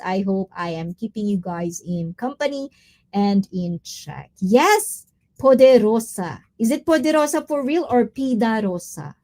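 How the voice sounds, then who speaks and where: A woman with a fairly high-pitched, dark-toned voice hosts a live stream, chatting casually and reading viewer comments. She's chatty, drifts between topics, and mixes in Tagalog words.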